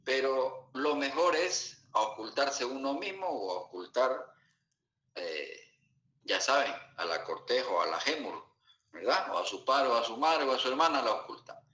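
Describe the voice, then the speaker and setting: Male medical lecturer, bright low voice, lo-fi echoey classroom recording. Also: expressive, a little slow. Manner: asks students rhetorical check-in questions. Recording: echoey room, dull lo-fi sound.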